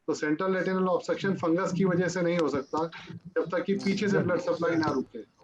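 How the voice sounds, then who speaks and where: A man's voice: high-pitched, fairly even intonation, brisk, a crowd in the background. A male doctor answering interview questions, patiently explaining technical medical details. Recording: dull lo-fi audio.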